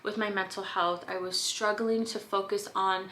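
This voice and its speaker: A woman's voice: medium pitch, level tone, normal speed, bright, forceful tone. A young woman and podcast host talking to camera in a casual, candid chat, slightly out of breath and full of "like"s. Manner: chatty, candid, filler-heavy with frequent "like".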